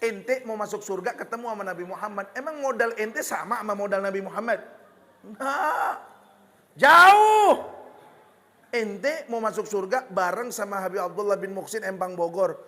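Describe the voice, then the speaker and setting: A man with a Betawi accent preaching a lively, joking sermon, slipping into Betawi slang. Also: high voice, brisk, hardly any pauses, in a large hall. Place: hall with religious gathering.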